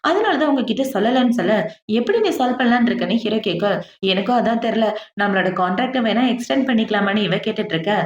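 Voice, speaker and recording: A woman with a fairly high voice races through a drama recap, chatty and brisk, slipping into the characters' lines as she tells it. The sound is roomy and a little dull, like a lo-fi home voice-over. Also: expressive. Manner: brisk chatty retelling, acts out quoted lines. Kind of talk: casual storytelling recap of a drama.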